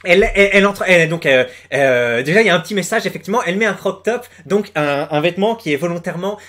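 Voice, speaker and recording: A man's voice: high voice, expressive, quick pace, fairly bright tone. A young man giving casual commentary on a music video from his room at home, hesitant, with many fillers and restarts. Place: room at home with the door closed.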